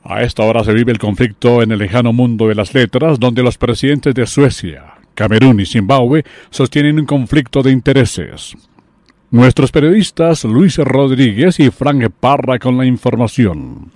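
A man's voice: medium pitch, moderate pace, darkish tone, no room sound. A young man, anchoring a student mock newscast in a formal announcer manner. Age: young adult.

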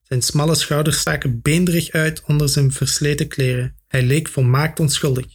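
A man reading a children's adventure story aloud with steady, expressive narration. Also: fairly high pitch, normal speed, breathy edge. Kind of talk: audiobook narration.

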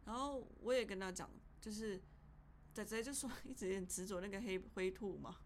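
A woman co-hosting a podcast in a casual, heartfelt chat with a Taiwanese Mandarin accent, halting and repeating words as she speaks. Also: mid-range voice, a little hiss or hum. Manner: emotional, halting, repeats words when upset. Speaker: podcast co-host.

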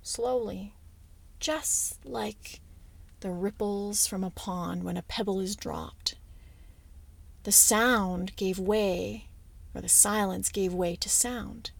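A woman telling a story aloud on a podcast, with dramatic pauses and casual asides. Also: medium pitch, gravelly, breathy edge. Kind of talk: oral storytelling.

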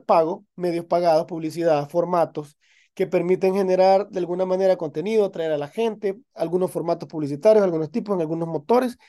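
A man's voice: high voice, mellow. A man teaching an online class, explaining concepts in an encouraging way, with frequent restarts. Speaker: university instructor.

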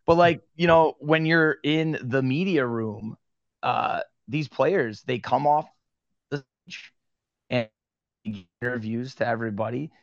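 Guest spot: young Western New York man, animated storyteller, dry close sound, a bit muffled. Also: medium pitch, no echo. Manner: animated storyteller, quick asides. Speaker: podcast guest, sports card media host. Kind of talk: casual interview chat.

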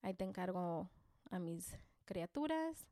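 Animated Mexican woman telling a story. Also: fairly low pitch, a little slow, dry recording, clean studio sound. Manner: animated, joking, self-deprecating, slangy. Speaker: mother telling a personal story. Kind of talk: casual storytelling to camera.

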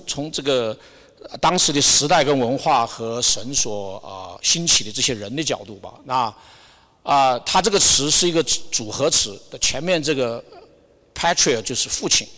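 A middle-aged man shares an informal sermon in a big, echoing hall. His pitch sits in an average male range. He speaks haltingly, feeling for words and slipping English terms into his sentences. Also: lively intonation, sharp tone. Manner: halting and hesitant, searching for words, mixing in English words. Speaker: church member sharing a Sunday message. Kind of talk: informal church testimony sermon. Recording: long hall reverb.

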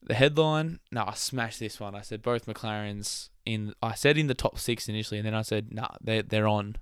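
A man's voice: on the low side, brisk, clear, resonant tone, no room sound. A young man hosting a casual motorsport podcast, chatty, laughing often and trailing off mid-thought. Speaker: podcast host.

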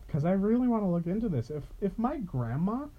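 A man's voice: high-pitched, very animated, brisk. A man co-hosting a casual podcast chat, joking, teasing and swearing freely. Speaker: podcast co-host. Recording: dull lo-fi sound.

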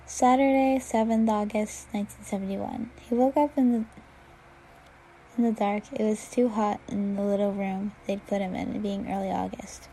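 Woman reading fan fiction aloud, mellow tone. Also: mid-range voice, moderate pace, slight background noise, low-quality recording. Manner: steady reading with occasional slips and restarts. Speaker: reader.

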